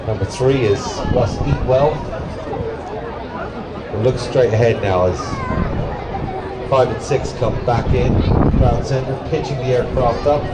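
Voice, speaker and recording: A man giving live, partly improvised airshow commentary over loudspeakers outdoors, explaining and calling out manoeuvres. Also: mid-range voice, slow, pauses often. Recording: echoey distant PA, loud outdoor crowd noise. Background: crowd and loud outdoor noise.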